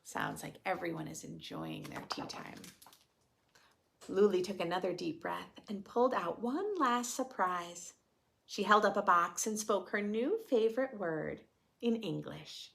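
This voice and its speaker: A woman hosting storytime reads a picture book aloud to preschoolers, gentle and expressive, explaining it simply and asking the children questions. Her voice is on the low side, unhurried and creaky.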